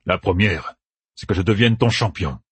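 A man voicing a stern, steady middle-aged general who talks calmly and gravely. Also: deep voice, moderate pace, no echo.

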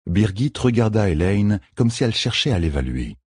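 In a measured, expressive way, a man narrates a scripted audiobook. His husky voice moves a lot in pitch, and the recording is close and dry.

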